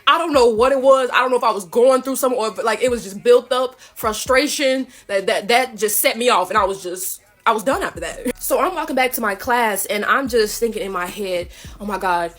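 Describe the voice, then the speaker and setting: A woman's voice: a little high, a little fast, few pauses, fairly bright tone. Candid young woman telling a storytime. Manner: candid, self-deprecating chatty storytelling. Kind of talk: casual storytime.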